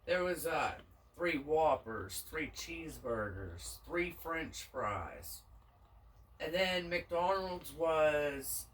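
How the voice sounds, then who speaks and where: A woman's voice: low-pitched, expressive, drawn-out words, far from the mic, slight background noise, poor audio. Chatty Southern woman, a bit off-mic. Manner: chatty and folksy, laughs often. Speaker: vlogger, mukbang co-host. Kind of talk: casual chat while eating.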